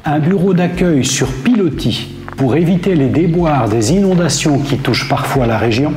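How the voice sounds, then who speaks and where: A man in his fifties presenting a campsite in a steady, clearly scripted travel-vlog narration, seated at a table facing the camera. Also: fairly high pitch, normal speed. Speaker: travel vlogger. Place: indoor room with brick wall. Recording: roomy echo with soft music behind.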